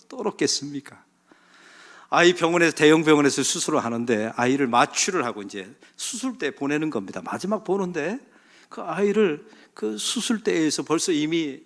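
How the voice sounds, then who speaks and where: A middle-aged man preaching a Sunday sermon as pastor, swinging from loud exhortation to hushed storytelling. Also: medium pitch. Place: church sanctuary.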